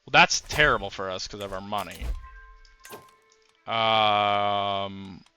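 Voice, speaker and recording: A man's voice: fairly low pitch, slow, pushed and bright, clear, resonant tone, soft background music. A man giving casual commentary while playing a strategy game, musing aloud with frequent fillers. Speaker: gameplay commentator.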